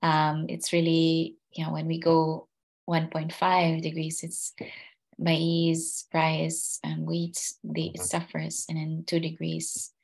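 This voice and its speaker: A woman's voice: deep voice, monotone, slow pace, gravelly, darkish tone, breathy edge, low-quality recording. A woman presenting slides over a video call from a small room, talking with many fillers and restarts. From Philippines. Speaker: guest speaker. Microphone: laptop mic on video call.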